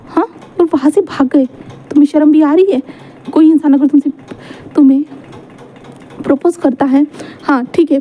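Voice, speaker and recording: A woman's voice: high voice, highs cut off, close to an everyday voice. A woman voicing a stern, protective middle-aged mother who scolds her son's suitor. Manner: scolding, sharp questioning.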